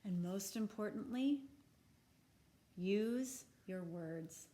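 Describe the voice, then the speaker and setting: A woman with a medium-pitched voice reads a children's picture book aloud for young listeners. Her delivery is deliberate, expressive, and instructive.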